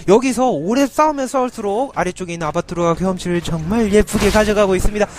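Game music and slight background noise sit behind a man streaming a video game at a quick pace in a high voice. He keeps his commentary playful and teasing for viewers, yelping "no" repeatedly in panic when fights start.

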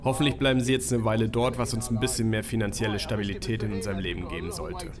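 A man's voice: on the low side, fairly even intonation, fast talker, a crowd in the background. A man in his thirties narrating a carp fishing travel vlog, speaking with enthusiasm and exclaiming over big fish. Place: outdoors by a lake.

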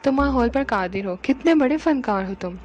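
A woman voicing an admiring male friend who speaks in a gentle, praising way. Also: high voice, expressive, moderate pace, lo-fi sound, a little hiss or hum.

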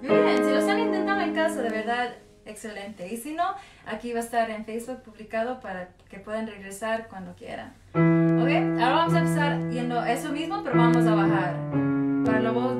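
A woman's voice: a little high, fairly quick. A woman with a mezzo-soprano voice giving an online singing lesson, counting aloud, demonstrating vowel drills and slipping English words into her speech. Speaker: singing teacher. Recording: roomy sound, mic at a distance, loud piano. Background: piano accompaniment.

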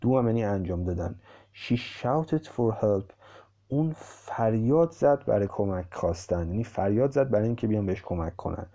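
Dark-voiced man teaching English slowly. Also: lowish voice, lively intonation. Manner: reads each English line slowly and clearly, then explains it. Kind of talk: slow line-by-line story reading with translation. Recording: muffled lo-fi recording.

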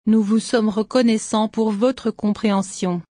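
A woman reading short phrases aloud one by one for a language course, in a measured, even way. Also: mid-range voice, no echo, clean studio sound. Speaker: French phrase reader.

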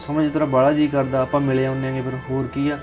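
A young man plays a Punjabi husband who soothes his upset wife. He talks fast and reassuringly, with music running under his lines. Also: medium pitch, little pitch movement, natural voice. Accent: Indian Punjabi. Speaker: husband in a family drama. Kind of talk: village web drama acting. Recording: background music under dialogue.

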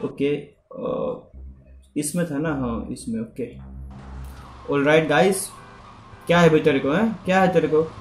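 A man giving casual, excitable gameplay commentary and chatting to his viewers. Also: a little high, a little slow, pauses often, soft background music. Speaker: gaming YouTuber. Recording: echoey room with faint background noise.

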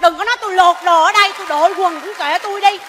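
An actress playing a feisty, sharp-tongued middle-aged wife in a live stage comedy. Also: female voice, very high-pitched, very fast, over a noisy crowd, very noisy. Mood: bickering.

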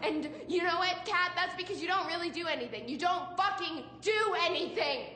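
A woman's voice: extremely high pitch, normal speed, sharp tone, reverberant, in a large hall. A hurt, furious young woman. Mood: bitter. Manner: angry, bitter, mocks with a put-on British voice. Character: hurt young woman confronting her best friend.

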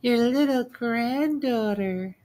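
A man voicing a sweet, polite little girl in a storybook reading, speaking slowly in a high, gentle, innocent voice.

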